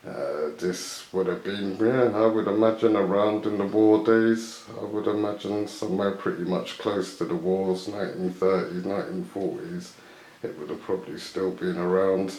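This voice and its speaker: A man with a low, darkish voice hosts a casual show-and-tell video of vintage items in an echoey room. Unscripted and tentative, he often guesses as he goes.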